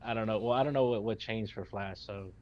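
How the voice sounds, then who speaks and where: A man's voice: fairly low pitch, quick pace, darkish tone, lo-fi sound. A man co-hosting a live stream, chatting casually and rambling with restarts and jokey impressions. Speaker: stream co-host. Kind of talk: casual chat.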